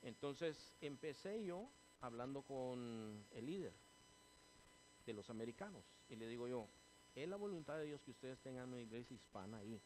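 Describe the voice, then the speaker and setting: Spanish-speaking pastor preaching with rising fervor. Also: male voice, medium pitch, moderate pace, a little hiss or hum, rough recording. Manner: addresses listeners as hermanos, grows loud and animated in stories. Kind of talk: sermon. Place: church.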